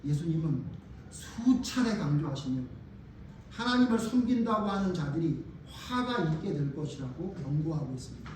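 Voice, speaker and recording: A male pastor preaching a sermon in a church sanctuary, passionate, swinging between shouted exhortations and hushed asides. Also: on the high side, sing-song, normal speed, slight background noise. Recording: very echoey hall, voice heard from a distance.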